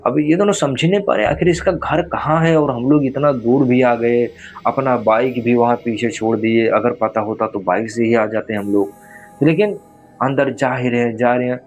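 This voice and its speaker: A man's voice: medium pitch, moderate pace. A man narrating a horror story in a casual, conversational way, speaking straight to the listener. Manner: conversational, addresses listener directly.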